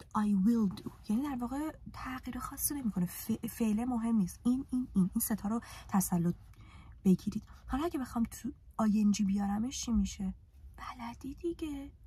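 Lively Persian-accented woman teaching English. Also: mid-range voice, slightly rough. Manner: lively, coaxing, teasing students. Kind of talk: casual live lesson.

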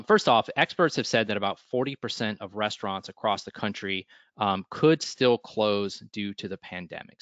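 Male presenter, lowish voice, loose and chatty with lots of fillers; dry, muffled call audio. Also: fairly bright tone, dry recording. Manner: casual, many ums and restarts. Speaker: webinar presenter.

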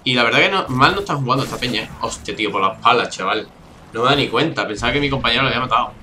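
A man's voice: mid-range voice, expressive, very fast, a little hiss or hum. A young man from Spain with a Spain Spanish accent, commenting on his own shooter gameplay in a chatty, exasperated way, swearing often and keeping his voice down. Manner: keeps voice down, not shouting. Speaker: gaming YouTuber. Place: home room, early morning.

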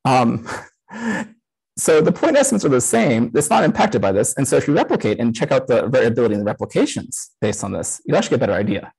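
A man's voice: mid-range voice, big pitch swings, fast talker, creaky, darkish tone, breathy edge, poor audio. A man in his thirties giving a casual conference talk over a video call while live coding, talking through a headset with frequent "um" fillers. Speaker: conference speaker.

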